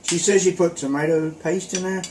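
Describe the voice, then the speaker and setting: A man's voice: fairly high pitch, steady tone, a little fast, noisy background. A man, casually and bluntly giving his opinion on food while eating. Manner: blunt, folksy, dry humor, talks with mouth full. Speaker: taste tester, host's husband.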